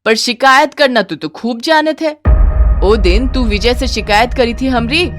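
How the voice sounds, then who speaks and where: A harsh, bossy mother-in-law scolds in a high, shrill, rustic voice, as a woman acts her out. Slow, loud, biting delivery, with faint music playing under the cartoon. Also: lightly acted. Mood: scornful. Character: harsh cruel middle-aged mother-in-law. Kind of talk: cartoon voice acting.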